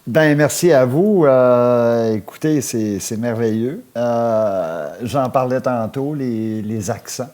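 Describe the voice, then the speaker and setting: Brief: man as radio host, rambling, hesitant, mid-pitched. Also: darkish tone. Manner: rambling, halting, full of hesitations. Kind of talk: comic radio call-in parody.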